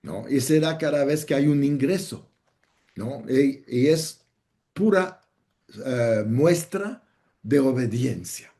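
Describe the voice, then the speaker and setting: A man explaining a church teaching in a deliberate, conversational way, often ending his points with "¿no?". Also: medium pitch, lively intonation, warm tone. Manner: slow, deliberate, with "¿no?" tags.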